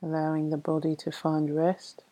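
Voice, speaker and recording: A woman leading a guided meditation in a soft, soothing, unhurried way with long pauses. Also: low voice, monotone, rough recording. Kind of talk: guided meditation narration, reading a poem.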